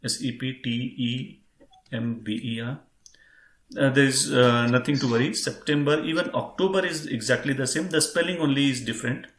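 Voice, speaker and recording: A German language teacher runs an online class in a medium-pitched voice at a moderate pace. He's patient, repeating and spelling words out and calling his students "friends." The room has a noticeable echo.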